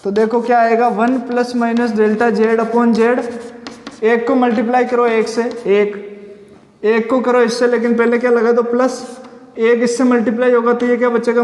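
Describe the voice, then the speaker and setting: Male physics teacher, in an echoey room, slowly spelling out formulas. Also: very high-pitched, darkish tone. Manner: asks and answers his own questions. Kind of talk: classroom lecture. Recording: echoey room with long reverb.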